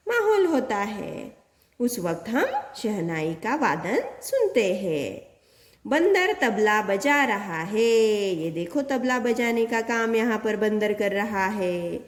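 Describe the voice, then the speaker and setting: Slow, lively woman teacher in echoey room. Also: a little high. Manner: sounds out letters and words slowly, asks and answers her own questions. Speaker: primary school Hindi teacher. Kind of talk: slow classroom explanation to children.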